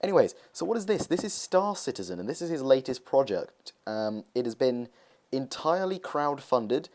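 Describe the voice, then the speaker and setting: A man's voice: mid-range voice, very animated, moderate pace, darkish tone. Hesitant young man narrating gameplay. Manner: rambling, many "uh" and "um" hesitations. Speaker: gaming video host. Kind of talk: casual gameplay commentary.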